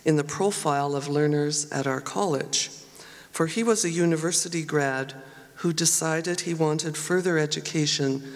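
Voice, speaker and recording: Host doing a formal podium intro speech, measured, lots of vocal fry, echoey hall. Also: mid-range voice. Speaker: ceremony host introducing the keynote speaker. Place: large hall at a graduation ceremony. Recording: echoey hall with long reverb.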